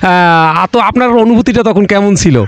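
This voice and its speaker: A man's voice: sits high, normal speed, slight background noise, natural voice. A man playing the host of a mock game show, speaking with formal, repetitive announcer phrasing.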